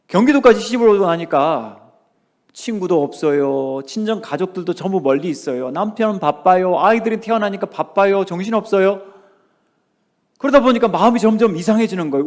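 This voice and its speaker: A male pastor preaching a revival sermon in a church, asking the congregation questions and acting out what others say. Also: high-pitched. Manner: acts out quoted voices, asks the congregation questions. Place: church sanctuary.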